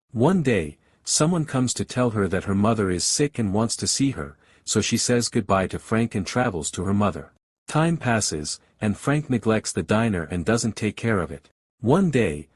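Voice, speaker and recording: A man narrating a film recap in a steady, even scripted storytelling voice. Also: on the low side, dry recording.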